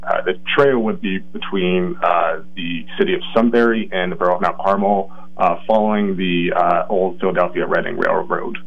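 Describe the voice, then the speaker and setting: A man's voice: deep voice, fairly even intonation, moderate pace, vocal fry, hardly any pauses, a little hiss or hum. A man who is a county planning coordinator, calling in by phone to a radio interview and explaining carefully with frequent rephrasing. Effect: heard over a phone line. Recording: muffled lo-fi phone line.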